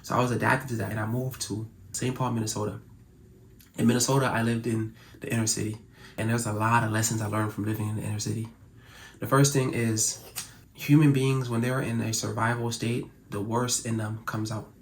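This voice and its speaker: Fast-talking young man, flat delivery. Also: on the low side, a little hiss or hum. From Cameroon. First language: French. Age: young adult. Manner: earnest, casual with fillers like "man" and "like". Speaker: YouTuber. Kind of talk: reflective talk to camera.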